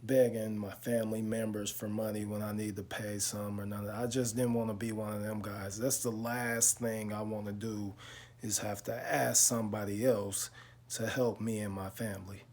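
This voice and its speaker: A man, talking slowly and reflectively to his viewers in a casual vlog, with lots of pauses and fillers. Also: lowish voice, little pitch movement, a little mellow. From Chicago. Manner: slow, reflective storytelling with many pauses and fillers. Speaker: car vlogger. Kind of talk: casual talk to camera.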